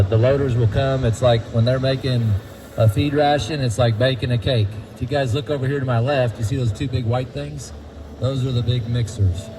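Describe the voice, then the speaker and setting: With lots of noise around him, a man whose voice sits in the mid-range shows a group through a feed mill. He keeps it folksy and tests the crowd with questions.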